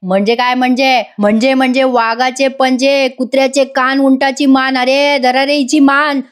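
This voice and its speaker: A woman voicing a hot-tempered, mocking male villain who shouts orders at his henchmen, in a voice-over retelling of a TV serial scene. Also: sits high, little pitch movement, normal speed, natural voice.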